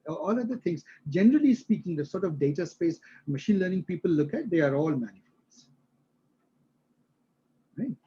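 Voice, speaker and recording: A man teaches a live class, talking through ideas with homely examples and tag questions to check understanding. His voice sits a bit high, with a mellow, husky tone. The audio is dull and lo-fi. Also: animated, moderate pace, pauses often. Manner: explains with everyday examples, frequent "right?" checks. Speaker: instructor.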